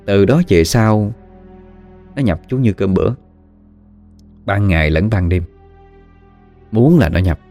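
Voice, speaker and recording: A man's voice: fairly low pitch, lively intonation, slow, long pauses, warm tone. A man with a Southern Vietnamese accent narrating a ghost story in a conversational way with dramatic asides. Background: faint music.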